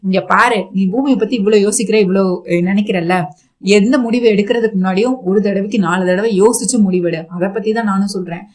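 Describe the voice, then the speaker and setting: A woman's voice: medium pitch, fairly quick, a little mellow, close to an everyday voice. A woman voicing a man's inner conscience that questions and lectures him. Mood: probing. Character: male hero's inner conscience, probing.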